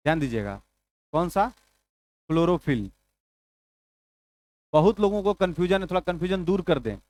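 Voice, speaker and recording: A man's voice: high-pitched, no echo. A male teacher giving an exam-prep biology lecture, repeating key points and dictating notes, asking and answering his own questions.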